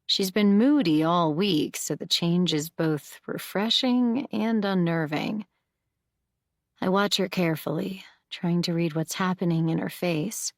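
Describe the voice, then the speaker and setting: Woman audiobook narrator, low voice, slow measured first-person read, dry close sound. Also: dry recording.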